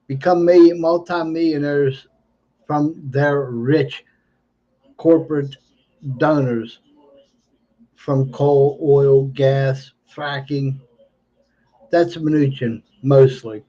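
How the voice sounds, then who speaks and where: A man talks off the cuff about politics on a livestream, his words slightly slurred from having no teeth. His voice sits a little high and has a dark, mellow tone. He hammers points by repeating them, and the audio is dull and lo-fi. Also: fairly even intonation, very slow, long pauses. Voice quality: toothless, slightly slurred speech, learning to talk without teeth. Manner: emphatic, repeats phrases. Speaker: livestreamer giving political commentary. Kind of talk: unscripted political monologue.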